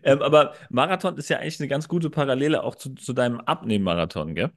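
A man's voice: medium pitch, fast. A man hosting a casual podcast interview, who asks questions and reacts with short interjections. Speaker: host.

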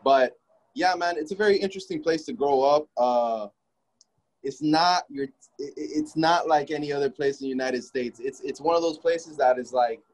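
A man's voice: a little high, moderate pace, a little mellow. Laid-back young man on a call. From Miami, Florida. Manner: laid-back, rambling with many restarts and fillers. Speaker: interview guest, musician. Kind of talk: casual interview chat. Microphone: video call.

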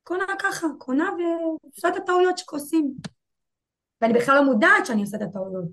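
Young woman in her 20s, kinda high voice, stumbling and repeating herself telling a rough story to an interviewer. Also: fairly bright tone, a little hiss or hum. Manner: halting, repeats herself, voices rise and fall with emotion. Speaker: guest. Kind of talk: emotional personal interview.

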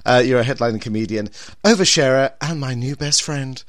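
A man's voice: medium pitch, a little fast, no room sound, studio quality. A man with a campy, theatrical drag queen manner, gushing and full of endearments as he co-hosts a podcast. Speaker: podcast co-host and drag queen horror presenter. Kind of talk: podcast banter and show introduction.

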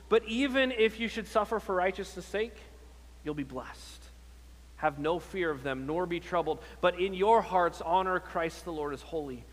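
Preaching as a pastor, a man with a high, fairly bright voice delivers an earnest, exhortative sermon full of rhetorical questions and repeated phrases. The sermon recording carries long hall reverb.

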